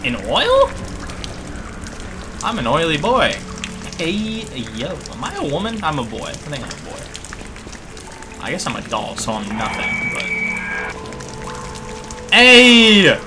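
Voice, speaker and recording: A young man streaming a game in a fairly high, very animated voice. He is excitable and jokey, swinging between muttered asides and sudden yelps, in casual commentary over music. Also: measured pace, pauses often. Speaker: gaming streamer.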